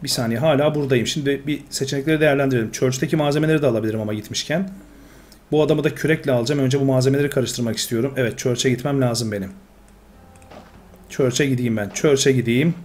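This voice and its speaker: A man's voice: mid-range voice, racing. A man commentating his own gameplay, talking to himself and getting exasperated. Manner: talks to himself, excitable, exasperated. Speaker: gamer. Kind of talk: Let's Play commentary.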